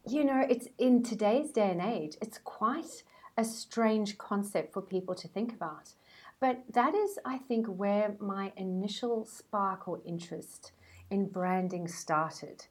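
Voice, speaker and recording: A slightly slow, medium-pitched voice with a little mellowness and a breathy edge belongs to this South African woman in her forties. She's a brand strategist guesting on a podcast interview, where she chats and tells stories.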